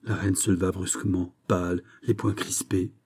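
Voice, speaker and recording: A man narrating a classic novel as an audiobook, in a measured and dramatic way. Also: deep voice, flat delivery, a little mellow, breathy edge. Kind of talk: scripted narration.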